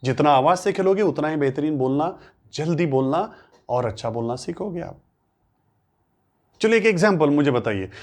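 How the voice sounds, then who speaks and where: A man whose first language is Marathi, teaching a spoken English lesson in Hindi. He asks questions, answers them himself, and repeats phrases for emphasis. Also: fairly high pitch. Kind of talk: classroom-style lesson.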